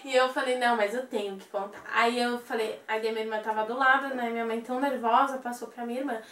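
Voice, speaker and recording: A young woman telling a personal story in an interview, animated and acting out the voices of the people in it. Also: on the high side, quick pace, a little hiss or hum. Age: young adult. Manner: animated, acts out quoted voices. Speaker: interview guest. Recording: echoey room, voice from a distance.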